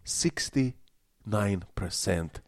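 A man's voice: fairly low pitch, lively intonation, drawn-out words, no room sound, clean studio sound. A man playing a pompous, fanatical Russian sour cream promoter with a heavy Russian accent and a solemn, faintly menacing manner, as a guest in a comedy interview. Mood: rapturous, sly.

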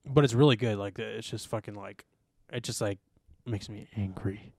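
A man's voice: lowish voice, brisk, creaky, no echo. Rambling young man, casual and dry. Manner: rambling and animated, many fillers and curse words. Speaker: podcast co-host. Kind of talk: casual chat.

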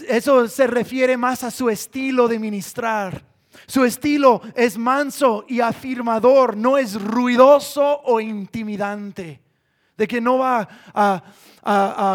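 A man preaching a sermon in an earnest way, often dropping to a soft voice for emphasis. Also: very high-pitched.

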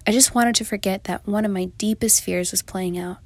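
A woman's voice: mid-range voice, fairly even intonation, fairly quick, dry recording. A young adult woman reading her own first-person story in a reflective, confessional manner. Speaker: narrator. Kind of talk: first-person memoir narration.

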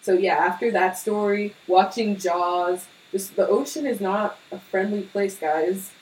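A young woman co-hosts a podcast, chatting casually with lots of fillers and tangents. Her medium-pitched voice is a little mellow and measured in pace, recorded on a slightly distant mic with faint hiss.

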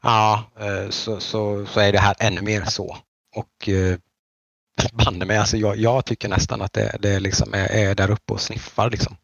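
A man's voice: lowish voice, little pitch movement, creaky, no room sound. A man from the Nordic countries chatting casually as a podcast host, rambling with many halts and restarts. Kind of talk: casual chat. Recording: dull lo-fi dry recording.

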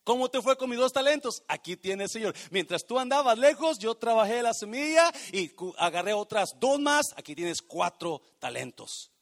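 A man's voice: extremely high pitch, sing-song, normal speed, vocal fry, hardly any pauses, pitched above the performer's own voice, heavily acted. A pastor acting out a faithful male servant who eagerly reports his work to his master.

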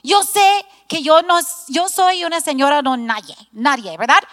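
Middle-aged woman preacher, high-pitched, emphatic, recorded in a reverberant church hall. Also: expressive, measured pace, fairly bright tone. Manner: earnest, self-deprecating, emphatic preaching. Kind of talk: sermon to a women's gathering.

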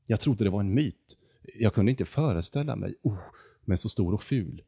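A man voicing an excitable young woman in a storybook reading, speaking in a hushed, breathless way. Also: on the low side, gravelly, slightly rough, no echo, studio quality, exaggerated voice. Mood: awestruck.

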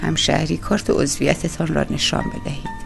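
A woman's voice: sits low, vocal fry, faint music behind. A woman reading an audiobook, voicing a pale, weary, stubborn female doorkeeper who speaks curtly and suspiciously. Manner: curt, suspicious, insistent.

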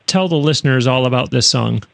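A man's voice: medium pitch, brisk, vocal fry, a bit bright, no room sound. Chatty man hosting a radio show. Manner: chatty, with frequent fillers and restarts. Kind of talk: interview and show outro. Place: recording studio.

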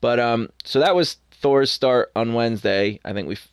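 A young man co-hosting a podcast in a casual sports chat, opinionated and animated. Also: mid-range voice, smooth, no echo. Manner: opinionated, animated, quick asides. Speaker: podcast co-host.

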